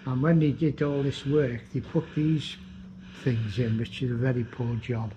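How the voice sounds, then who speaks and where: A man's voice: mid-range voice, fairly even intonation, moderate pace, noisy background. An older man with a Northern English accent, guiding a visitor around a church clock tower and explaining it plainly, recorded on a moving camera inside a stone tower. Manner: plain, matter-of-fact explaining, sounds out chimes. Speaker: church clock expert guide. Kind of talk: explaining on a walking tour. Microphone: handheld camera mic, moving. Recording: dull lo-fi camera audio.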